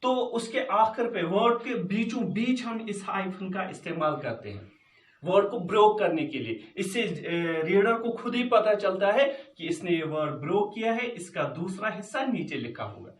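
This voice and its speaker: A man teaching a punctuation lesson, slowly repeating words as he switches between English and Hindi. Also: high-pitched, expressive, distant mic. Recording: echoey room, voice from off-mic.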